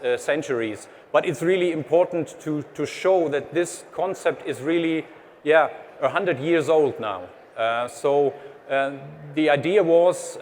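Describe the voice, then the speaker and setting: A man's voice: on the high side, a little mellow. German-accented man presenting in a hall. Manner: hesitant, many uh fillers, explanatory. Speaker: trade association head presenting. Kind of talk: conference presentation. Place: large exhibition hall stage. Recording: reverberant hall, faint background noise.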